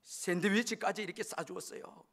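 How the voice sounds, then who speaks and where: A man's voice: high-pitched, fairly quick, fairly bright tone, voice pushed up. A pastor voicing a sobbing, pleading young boy. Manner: pleading, reproachful. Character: upset young boy sobbing at his mother.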